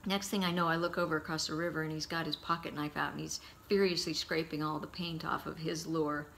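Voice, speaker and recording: A middle-aged man giving a heartfelt eulogy, telling stories about his father in a halting, storytelling way. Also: fairly high pitch, level tone, creaky, a little hiss or hum. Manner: warm, halting anecdotes with frequent pauses.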